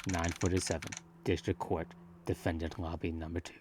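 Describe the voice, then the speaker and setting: A man's voice: sits low, level tone, fairly quick, very noisy. A man reading video game narration aloud as an amateur player. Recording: loud music under voice.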